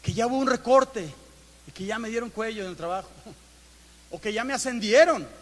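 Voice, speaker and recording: In a church auditorium with long hall reverb, a Mexican man who is a pastor preaches a conversational, interactive sermon. He questions the congregation and acts out everyday inner dialogue, his voice sitting high and fairly bright at a moderate pace.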